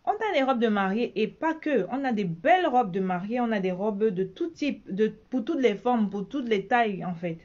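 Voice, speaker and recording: A Cameroonian woman who owns a bridal shop chats casually in a vlog, speaking with a Cameroonian French accent and often repeating herself. Her voice is a little high and darkish, animated, and at a moderate pace with few pauses, while the recording has its highs cut off.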